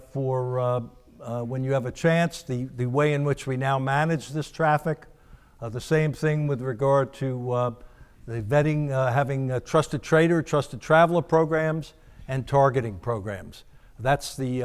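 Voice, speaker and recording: An American man giving a conference keynote in front of an audience, speaking haltingly with frequent hesitations and repeated words. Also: a little high, clean tone. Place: conference hall. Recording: reverberant hall sound.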